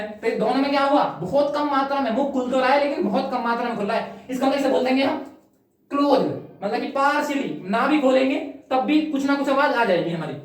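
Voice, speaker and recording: Woman teaching in a very echoey room. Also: sits high. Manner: explains step by step, repeats "ठीक है", drawn-out sample vowels. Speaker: Hindi grammar teacher. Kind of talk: classroom lecture for exam prep. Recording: very echoey room, far from the mic.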